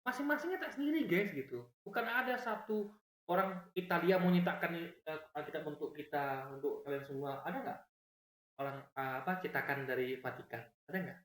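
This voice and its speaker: A man giving argumentative reaction commentary, explaining points over and over and swinging his pitch up and down as he talks. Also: normal speed, fairly bright tone, reverberant.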